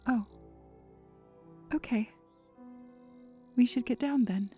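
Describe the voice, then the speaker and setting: A woman's voice: on the high side, takes it slowly. A woman voicing an earnest, curious young princess in an audio drama. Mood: deflated. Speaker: voice actor. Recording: soft music behind.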